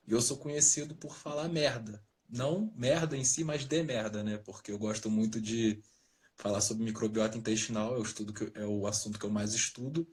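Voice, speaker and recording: A man from Rio de Janeiro state, a nutritionist guest, explaining things in a relaxed, jokey way over a video call from his parents' house. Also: mid-range voice. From Rio de Janeiro state, Brazil. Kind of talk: casual interview talk.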